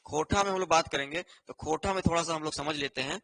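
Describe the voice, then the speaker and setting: Male exam-prep tutor with a high, bright voice who repeats himself a lot and works through points on a board. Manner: repetitive, with a constant rhetorical "है ना" and "ठीक है"; explains slowly while writing on a board. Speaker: teacher. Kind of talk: online exam-prep lesson.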